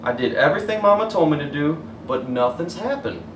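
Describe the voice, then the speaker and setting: A man's voice: a little high, animated, a little fast, voice pushed up, natural voice. A man voicing an earnest, eager young boy in a children's storybook. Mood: wistful. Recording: roomy, distant mic, faint hiss.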